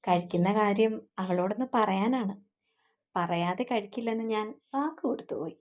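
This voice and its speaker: A woman's voice: mid-range voice, normal speed, a little mellow, natural voice. A woman voicing an earnest young man, engaged and devoted to his fiancée, who speaks in a pleading way.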